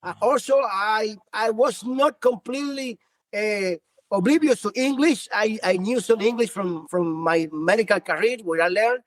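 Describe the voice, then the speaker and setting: Speaking with a Cuban Spanish accent, a Cuban doctor in his fifties, Spanish being his first language, responds earnestly to podcast interview questions and frequently starts over. His voice is high-pitched at a moderate pace, recorded with no echo.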